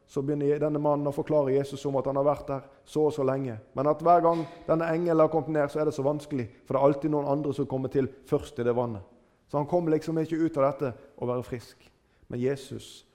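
A man preaching a sermon, retelling stories with dramatic rises and falls in his voice. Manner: dramatic retelling with wide swings in pitch and loudness.

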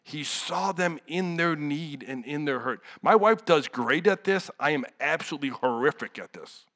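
A man's voice: fairly high pitch, expressive, normal speed, a bit bright. Man preaching a conversational sermon. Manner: conversational, candid, with asides and rhetorical questions.

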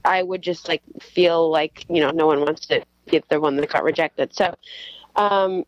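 A woman's voice: low voice, steady tone, no room sound. Young woman chatting over the phone. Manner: chatty, quick, full of "like" fillers. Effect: heard over the phone. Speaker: guest musician. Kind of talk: casual interview answers. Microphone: telephone. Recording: muffled dry phone line.

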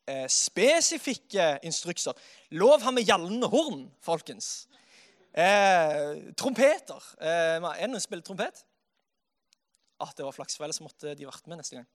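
A man preaching a sermon in a lively way, dropping soft and then rising to loud exclamations. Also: high-pitched.

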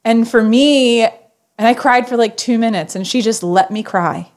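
A woman's voice: fairly high pitch, measured pace. Earnest woman telling a personal story. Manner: earnest, animated storytelling with fillers. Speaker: podcast guest. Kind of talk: conversational storytelling.

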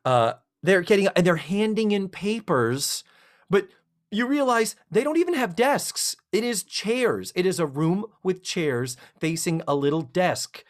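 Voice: medium pitch, unhurried. A middle-aged podcast co-host in casual chat, retelling a TV episode in a rambling way and acting out the characters' lines. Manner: animated, rambling storyteller who acts out quotes.

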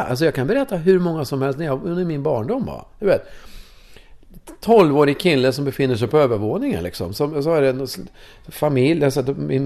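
A man in his fifties from Sweden, a course leader telling personal stories in an interview in a casual, animated way. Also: medium pitch, vocal fry. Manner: animated, casual, swears, tag questions. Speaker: course leader in sexuality and breathwork.

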